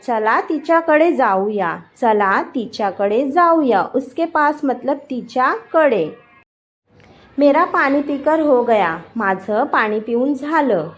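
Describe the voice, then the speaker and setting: A woman teaching a language lesson, repeating each short phrase twice in a clear, deliberate way. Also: high-pitched, lo-fi sound.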